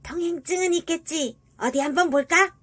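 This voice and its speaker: A woman voicing a big, greedy sewer rat in a storybook, bossy and shouting for a toll. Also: very high-pitched, normal speed, pitched above the performer's own voice. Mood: demanding.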